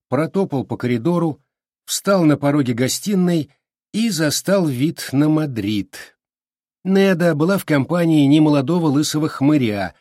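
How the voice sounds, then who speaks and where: A man reading an audiobook aloud with expressive, wry storytelling. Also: a little high, no room sound, clean studio sound. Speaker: audiobook narrator. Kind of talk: audiobook narration.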